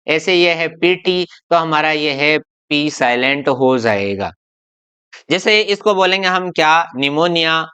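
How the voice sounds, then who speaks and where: A man with an Indian accent teaching a classroom-style lesson, slowly drilling example words one at a time. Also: fairly high pitch, bright, forceful tone, clear, resonant tone. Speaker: English teacher.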